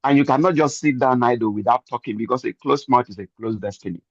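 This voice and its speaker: A man's voice: mid-range voice, fast talker, no room sound, muffled recording. An older man giving an earnest, preachy testimony and repeating phrases for emphasis. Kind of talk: motivational testimony.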